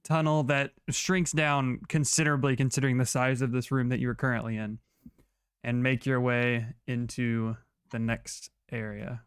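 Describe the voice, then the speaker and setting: A man's voice: medium pitch, flat delivery, moderate pace, clean tone, dry recording, studio quality. A man acting as game master, improvising narration for a tabletop fantasy game.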